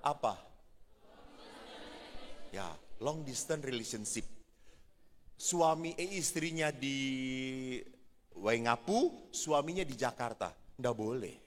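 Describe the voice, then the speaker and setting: Animated joking priest in a reverberant hall. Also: male voice, medium pitch, slow pace, pauses often. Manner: animated, joking, playful storyteller. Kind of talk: humorous sermon to married couples. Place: large church hall. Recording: reverberant church hall, faint ambience.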